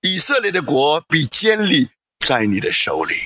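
A man's voice: fairly high pitch, wildly swooping pitch, moderate pace, fairly bright tone. A man preaching a sermon, reading scripture aloud and pressing the congregation with emphatic rhetorical questions.

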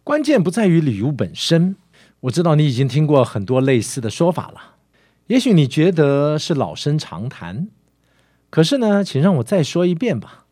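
A man preaching a sermon in a lively storytelling way, sprinkling in soft filler sounds. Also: on the high side, moderate pace, dry recording, studio quality.

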